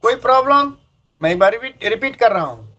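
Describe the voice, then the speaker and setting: A man's voice: extremely high pitch, expressive, fairly quick, noisy background. A man teaching fractions in a classroom lecture, explaining step by step and repeating key points. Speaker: math teacher. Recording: dull lo-fi sound.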